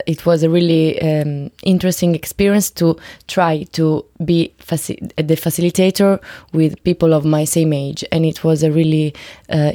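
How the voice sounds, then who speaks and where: A woman's voice: low-pitched, mellow, no room sound, studio quality. A woman from Italy with an Italian accent, answering interview questions hesitantly with many fillers. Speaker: youth theatre trainee.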